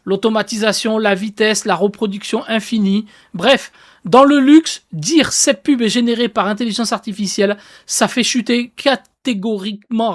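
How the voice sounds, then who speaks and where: Woman doing a chatty explainer vlog, kinda high voice, punchy emphasis, lots of "du coup". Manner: emphatic, animated with fillers like "du coup" and "bah"; addresses viewers directly and informally. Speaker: AI content creator. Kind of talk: casual explainer video.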